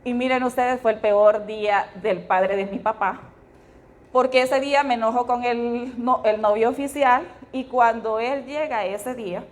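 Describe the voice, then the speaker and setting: A woman's voice: a little high, steady tone, unhurried. A middle-aged woman with a Honduran accent tells her personal testimony to a live audience. She speaks in a storytelling way and often turns to her listeners with tag questions. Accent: Honduran Spanish. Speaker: testimony speaker at a women's fellowship meeting.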